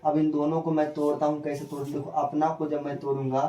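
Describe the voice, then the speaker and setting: A man teaching a spelling lesson, repeating himself and firing quick questions at his viewers. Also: a little high, little pitch movement, mellow. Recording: echoey room, voice from a distance.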